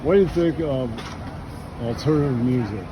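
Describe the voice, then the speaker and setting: This street interviewer, a man with a medium-pitched, expressive voice, speaks at normal speed as he casually runs through one blunt question after another. The outdoor audio is noisy with urban traffic.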